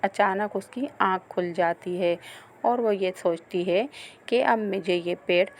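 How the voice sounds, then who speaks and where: A woman's voice: medium pitch, unhurried. A woman narrating a simple moral story for a cartoon, in plain storytelling.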